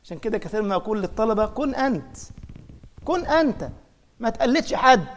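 A man with an Egyptian Arabic accent, a Quran teacher giving a religious lesson in an animated way, swinging from emphatic scolding to soft, quiet asides. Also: high voice, fairly quick.

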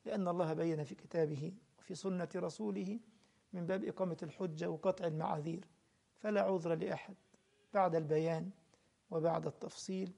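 A man's voice: sits high, fairly even intonation, a little fast, gravelly, mellow, slightly rough. A man with an Egyptian Arabic accent giving a religious lesson and answering questions from a live stream. He speaks earnestly, addresses his listeners directly and repeats his points. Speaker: religious teacher.

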